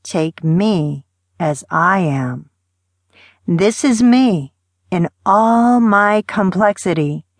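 A woman reads love poetry aloud in a slow, lingering cadence, her voice sitting a little low. It has a soft, tender manner with gentle pauses, recorded close and dry with no room sound. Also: expressive, no echo. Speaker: audiobook narrator. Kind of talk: poetry reading.

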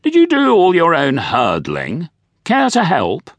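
Brief: a man voicing a jovial obstetrician, lively delivery. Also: fairly high pitch, measured pace, no room sound, pitched above the performer's own voice, full character voice. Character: jovial posh male obstetrician.

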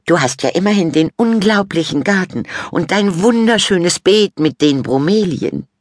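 A woman's voice: fairly low pitch, expressive, moderate pace, no echo, studio quality, voice pushed up. A woman voicing a vain, bossy fourteen-year-old girl who talks in a boastful, snippy, sing-song way. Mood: preening.

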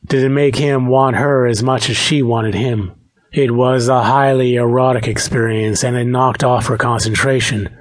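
A man reading a romance audiobook aloud, in a steady, measured narration. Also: medium pitch. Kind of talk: scripted narration.

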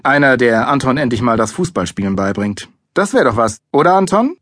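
A man's voice: medium pitch, lively intonation, brisk, a bit bright, dry recording, clean studio sound. A man reading a grumpy scolding dad. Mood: grumbling. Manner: scolding, impatient. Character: annoyed strict father, middle-aged man.

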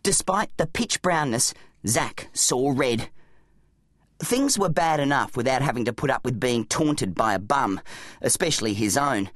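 A man narrating a comic children's audiobook with playful, expressive storytelling. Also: medium pitch, a little slow, no echo.

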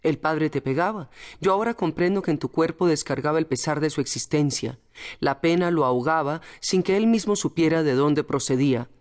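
A woman's voice: low voice, a little fast, a little mellow, natural voice. A woman voicing an earnest, firm young male factory worker speaking to his mother in an audiobook. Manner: firm, fervent, tender. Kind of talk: audiobook character voice.

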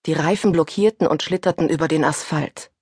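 A woman reading a first-person suspense audiobook aloud, with a husky voice that turns tense and breathless in the panic passages. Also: deep voice, brisk, a little mellow, dry recording, studio quality. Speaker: audiobook narrator. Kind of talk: scripted first-person narration.

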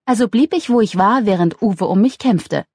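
Woman narrator, comic audiobook, ironic, lively, slightly husky, dry close sound. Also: moderate pace, no room sound. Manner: lively, ironic, voices characters with raised pitch. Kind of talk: scripted narration of a humorous novel.

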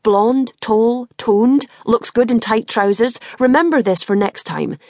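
A woman's voice: on the high side, lively intonation, unhurried, darkish tone, no echo, studio quality, voice pushed up. A woman voicing an exasperated, blunt young mother who swears freely, in an audiobook.

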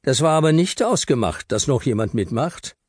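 A man's voice: mid-range voice, very animated, moderate pace, a little mellow, husky, no room sound, studio quality, pitched above the performer's own voice. A man voicing a cheeky, streetwise boy with slangy, boisterous talk in a children's audiobook. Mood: grumbling.

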